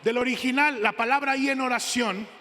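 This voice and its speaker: High bright-voiced pastor preaching. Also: male voice, fairly even intonation. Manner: emphatic, repeats key phrases slowly. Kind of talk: sermon. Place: church hall. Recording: long hall reverb.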